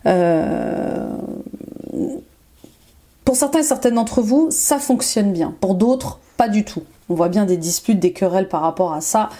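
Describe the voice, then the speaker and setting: A woman's voice: medium pitch, unhurried, warm tone. A woman life coach reading tarot cards for her viewers, encouraging and repeating affirmations, with frequent fillers and bursts of enthusiasm. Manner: enthusiastic, exclaims often.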